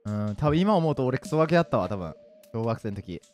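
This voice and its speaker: A man's voice: medium pitch, big pitch swings, quick pace. A young man, a pro gamer, telling rambling, self-mocking childhood stories in casual chat while he plays a game. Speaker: pro gamer and video creator. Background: faint game music.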